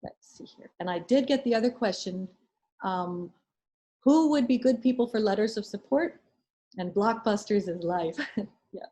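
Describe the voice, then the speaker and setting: Speaking at a normal pace in a mellow, mid-range voice, this medical school admissions advisor fields questions from students in a relaxed webinar. Her advice is blunt and practical, and she often uses fillers and starts her sentences over.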